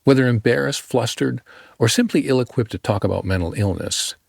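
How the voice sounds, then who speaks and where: A man narrating a podcast story in a measured, scripted storyteller's delivery. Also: medium pitch, vocal fry, breathy edge, no echo, clean studio sound.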